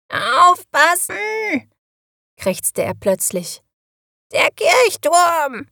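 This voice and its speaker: Slow, measured woman storyteller. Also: medium pitch, darkish tone, no room sound, studio quality. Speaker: narrator. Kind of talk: children's audiobook narration.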